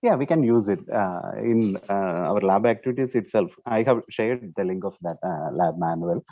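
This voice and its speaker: A man, answering questions as a guest lecturer in a hesitant, halting explanatory way. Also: lowish voice, no echo. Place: online conference call, dry sound. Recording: thin, phone-like online call audio.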